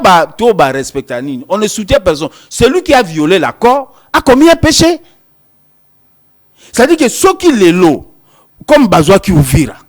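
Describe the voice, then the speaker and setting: A man, a lawyer from Congo with a Congolese French accent, arguing politics on a talk show and switching between French and Lingala with many restarts. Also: sits high. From Democratic Republic of the Congo.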